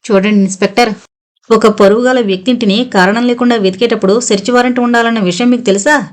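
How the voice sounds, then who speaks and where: A woman's voice: fairly high pitch, fairly even intonation, quick pace, close to an everyday voice. Audiobook: woman narrator playing a proud, challenging young man, haughty. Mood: defiant.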